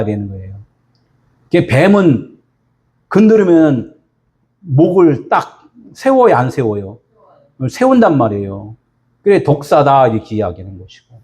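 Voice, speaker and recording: A man's voice: fairly high pitch, a little mellow. A male pastor giving a sermon, firing rhetorical questions at the congregation.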